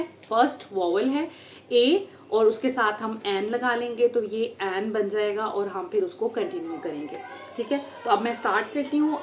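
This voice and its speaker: A woman giving a phonics lesson at home, sounding out letters slowly and with care. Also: fairly high pitch, slight background noise. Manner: slow, drawn-out sounding of letters. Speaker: homeschool teacher.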